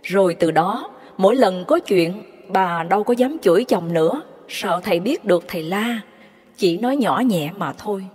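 A woman narrating devotional stories in a measured, reverent way. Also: medium pitch, lively intonation, darkish tone, slightly rough. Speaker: storyteller. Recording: long hall reverb.

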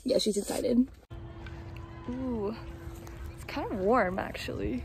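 A woman's voice: fairly high pitch, slow pace, slight background noise. A young adult woman chatting casually and playfully for a vlog, with giggly asides and exclamations. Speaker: vlogger. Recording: music behind the voice. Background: music.

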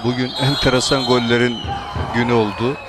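A man working as a football co-commentator, adding brief, measured, conversational remarks on the match. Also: mid-range voice, flat delivery, over a noisy crowd, heavy background noise.

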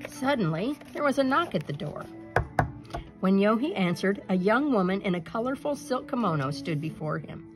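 A woman reads a children's picture book aloud as a storyteller, narrating expressively over music. Her voice is medium-pitched and her pace is normal.

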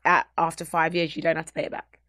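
An English woman in her thirties, a comedian chatting as a podcast guest, telling animated stories and laughing often. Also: low-pitched, fast, dry recording, studio quality. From England. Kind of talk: casual podcast chat.

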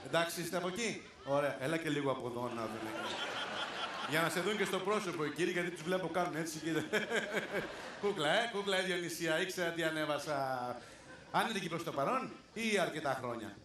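A man's voice: a little high, lively intonation. A male comedian hosting a live stage show, calling up audience volunteers and teasing them playfully, often laughing. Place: large theater stage with audience. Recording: echoey live theater with crowd noise.

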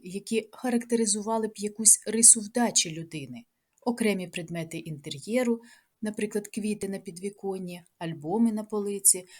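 A woman teacher with a Ukrainian accent, reading a scripted lesson in a measured way and listing words one by one. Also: mid-range voice, a little mellow.

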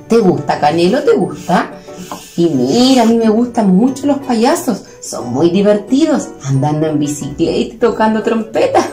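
An excitable young boy who adores the circus calls out in a bright, eager storybook voice, as a Chilean woman puts him on. His pitch leaps all over as he exclaims. The recording sounds roomy, with faint music behind. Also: moderate pace, close to an everyday voice. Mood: excited. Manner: exclaiming, calling out loudly.

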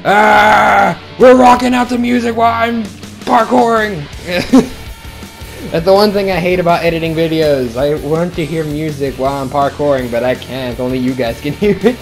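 A young man giving excitable, casual commentary as he plays a game, talking to himself and his viewers. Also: a little high, normal speed, vocal fry, faint music behind. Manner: excitable, talks to himself and viewers, shouts when he falls. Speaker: gaming video host.

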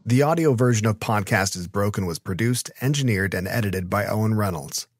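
A man hosting a podcast, relaxed and a bit halting as he wraps up the show. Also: fairly low pitch, dry recording, clean studio sound, soft background music. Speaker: podcast host. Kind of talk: casual podcast chat.

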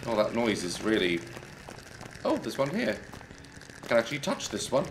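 Over a noisy background, a thirties-aged gaming YouTuber speaks at a moderate pace with a medium-pitched voice that swoops wildly. Using a headset mic, he offers jokey horror game commentary and yelps and shouts at the scares.

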